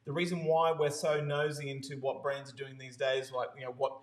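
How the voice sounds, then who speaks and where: Male co-host, mid pitch, eager and rambling, roomy echo. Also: flat delivery, fairly quick. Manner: enthusiastic, full of fillers and restarts. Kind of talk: casual podcast chat on marketing.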